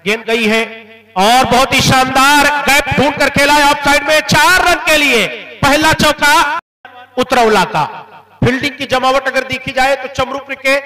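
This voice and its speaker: A man calls cricket live in an excited manner. His voice is very high and bright, with a forceful edge. He follows each ball and lifts into shouts for the big hits. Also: echoey room, distant mic, poor audio. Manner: excited, rising shouts on boundaries. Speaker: cricket commentator.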